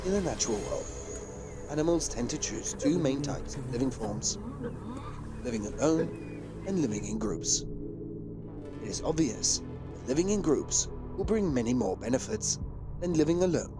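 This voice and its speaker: A man's voice: medium pitch, very animated, normal speed, long pauses, over music. A man reading scripted narration for a wildlife documentary.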